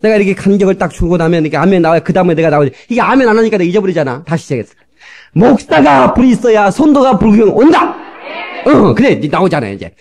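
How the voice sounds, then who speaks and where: A middle-aged man delivers a fervent sermon in a somewhat high, very lively voice that swoops widely in pitch. He slips between quiet, chatty asides and sudden loud bursts, acting out the people he quotes. The sound comes from an old cassette tape transferred to digital. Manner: fervent preaching with sudden shouts and acted-out quotes. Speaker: pastor.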